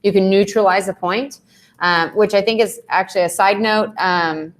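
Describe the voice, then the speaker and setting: In a casual live panel chat, a woman tennis coach lays out match strategy in a steady, mid-range voice at a moderate pace. Her explanations are peppered with "um" and "like."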